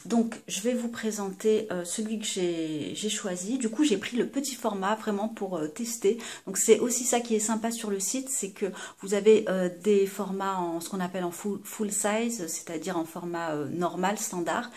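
A woman's voice: medium pitch, normal speed, hardly any pauses, a little mellow. A woman chatting casually to her viewers as she reviews a cosmetics order, with many hesitations, fillers and restarts. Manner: chatty, addresses viewers directly. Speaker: beauty vlogger.

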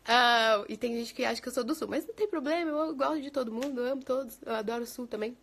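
A woman's voice: fairly high pitch, fast, gravelly, a bit bright, slight background noise. A Brazilian woman, an English teacher, chatting casually and laughing often with viewers, mixing in English phrases. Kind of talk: casual live chat answering viewer questions. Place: home in the United States.

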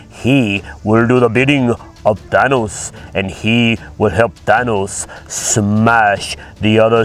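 A man voices a pompous villain warlord during toy play, gloating slowly in a low voice. He bursts into booming ho-ho laughs and refers to himself in the third person.

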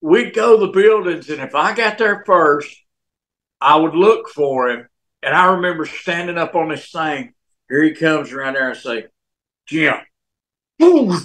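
A man's voice: a little high, normal speed, rough recording. An older man, a former pro wrestler telling stories animatedly in a casual interview. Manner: animated storyteller, folksy, sound effects.

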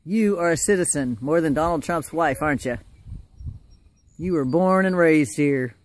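A man's voice: fairly high pitch, moderate pace. A man at home chatting to the camera and cooing at his pet goose, teasing and laughing as he goes. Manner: chatty, teasing, laughs often, coos at the bird. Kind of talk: casual chat to camera and pet. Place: at home, outdoors by the driveway.

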